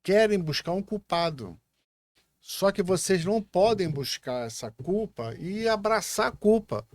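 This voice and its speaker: A man's voice: high-pitched, lively intonation, measured pace, a little mellow, no echo. A Brazilian man hosting a podcast, talking in a reflective, hesitant way as he thinks aloud. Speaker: podcast host. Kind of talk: casual podcast conversation.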